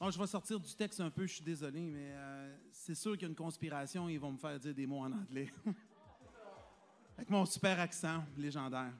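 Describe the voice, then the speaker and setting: A man's voice: on the high side, normal speed, faint music behind. A man presenting school awards, joking about himself and laughing between the names. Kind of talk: joking ceremony announcing. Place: school auditorium.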